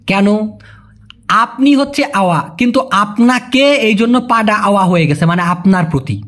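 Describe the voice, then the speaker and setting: A language teacher, speaking in a colloquial way and repeating example phrases slowly. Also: mid-range voice, a bit bright. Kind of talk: language lesson.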